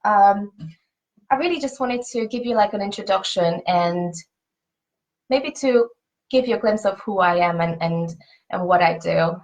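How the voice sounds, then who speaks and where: A woman's voice: mid-range voice, unhurried, rough recording. A woman with a Hungarian accent, a native Hungarian speaker, explains her family pet supplement business to camera in an earnest, conversational way, often repeating words as she searches for them.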